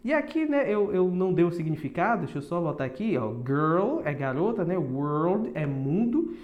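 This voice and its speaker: A man's voice: high voice, sing-song, dull audio. Brazilian man teaching in an echoey room. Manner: explains with many tag questions, repeats words slowly to model them. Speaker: English teacher. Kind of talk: casual pronunciation lesson.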